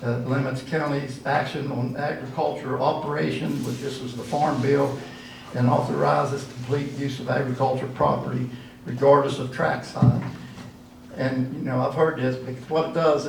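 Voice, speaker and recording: Recorded far off in a reverberant church hall, an older political candidate gives a rambling, folksy dinner speech heavy with fillers. His mid-range voice is creaky, shows little pitch movement and moves at a moderate pace, with a bit of hiss or hum.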